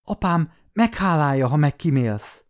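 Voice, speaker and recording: A man's voice: a little high, animated, pitched above the performer's own voice, lightly acted. A man voicing a frightened little girl of about ten, sobbing and pleading in an audiobook.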